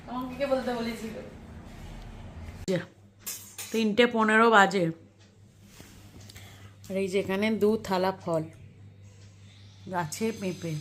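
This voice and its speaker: Chatty West Bengal woman in an echoey room. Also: a little high. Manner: chatty, shows items to camera. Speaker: vlogger. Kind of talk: casual home vlog chat. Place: home, indoors.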